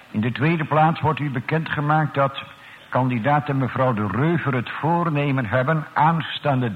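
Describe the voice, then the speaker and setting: A man leading a slow, solemn church prayer and sermon as pastor, addressing God in archaic, formal words. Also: medium pitch. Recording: old radio broadcast, tinny, echoey church.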